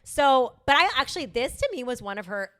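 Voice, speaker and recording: A woman's voice: sits high, sing-song, brisk, a bit bright. A young woman co-hosting a pop culture podcast in a casual chat, talking emphatically and restarting her sentences often. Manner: chatty, restarts a lot, emphatic opinions. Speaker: podcast co-host.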